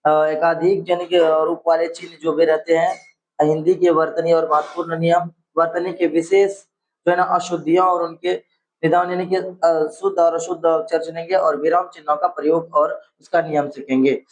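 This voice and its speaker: A man's voice: on the high side, flat delivery, normal speed. A man teaching a casual exam-prep grammar lesson, asking each question and repeating the answer back to drill his students. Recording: slightly dull lo-fi sound.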